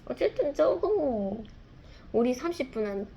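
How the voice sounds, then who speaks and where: A woman's voice: sits high, very animated, measured pace, warm tone, lo-fi sound, slight background noise. A woman, a mother, telling a reflective personal story in a confessional, rambling way, full of fillers and restarts. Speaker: mother sharing a testimony.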